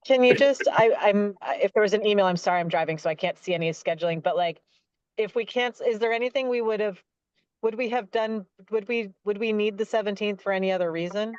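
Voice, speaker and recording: A woman's voice: medium pitch, a little fast, darkish tone, clear, resonant tone, no room sound. A woman on a committee call, phoning in from her car while driving, hesitantly restarting her questions. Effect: calling in by phone while driving a car. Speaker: committee member. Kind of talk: public meeting discussion. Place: in a moving car. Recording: muffled lo-fi car phone call.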